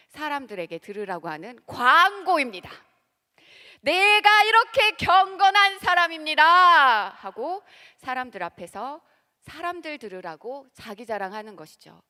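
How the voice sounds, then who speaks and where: A woman pastor preaching a sermon in a church, animated and acting out the voices she quotes. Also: medium pitch. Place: church sanctuary. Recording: reverberant church hall.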